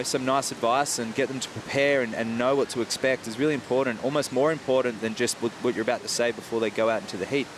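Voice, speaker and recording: A man with a mid-pitched voice talks through surfing as a coach in the commentary. His delivery is conversational and explanatory. Clear outdoor hiss sits behind him. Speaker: surf coach and guest commentator. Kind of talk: conversational sports analysis.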